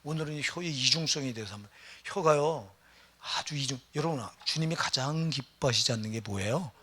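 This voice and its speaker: Casting: middle-aged male pastor, husky, chatty sermon, keeps asking the congregation. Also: mid-range voice, brisk, pushed and bright. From Gyeonggi Province, Korea. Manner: conversational, questions the congregation.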